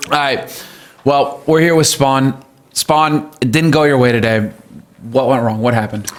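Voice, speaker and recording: A man's voice: mid-range voice, fairly even intonation, measured pace. A man hosting the show, interviewing a team captain with easygoing, prodding questions and reading promo announcements. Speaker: host.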